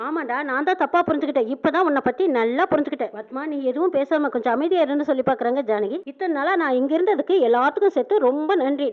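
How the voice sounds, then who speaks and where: A woman retelling a TV serial episode quickly, narrating and voicing the characters' lines in an animated way. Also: sits high. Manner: rapid, animated storytelling that slips in and out of quoted dialogue. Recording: tinny phone-like audio.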